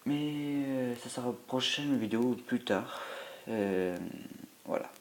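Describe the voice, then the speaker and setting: Speaking slowly at medium pitch over a little hiss or hum, a man offers hesitant, rambling gameplay commentary on a mobile game, heavy with filler sounds. He's stuffy from a cold and drained after a sleepless night.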